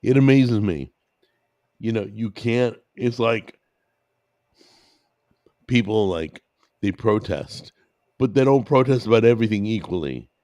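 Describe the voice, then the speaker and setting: A man's voice: lowish voice, a little slow, long pauses, a little mellow, no room sound. A man co-hosting a podcast in casual chat, joking and sarcastic while he shares his opinions. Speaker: podcast co-host.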